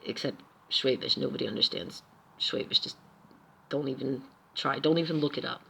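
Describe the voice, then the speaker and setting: A Pennsylvania-born American woman tells stories to the camera in a casual vlog about her experiences abroad, chatty and emphatic with lively asides. Her voice is extremely low and gravelly at a moderate pace, with a little hiss or hum in the recording.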